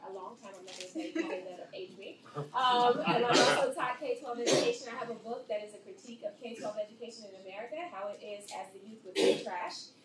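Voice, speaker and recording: A woman's voice: a little high, fast talker, crowd noise. A middle-aged woman, an educator, speaking informally as a panelist. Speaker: college educator and psychologist on a panel. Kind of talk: casual panel talk. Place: indoor convention panel room. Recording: echoey noisy room, distant mic.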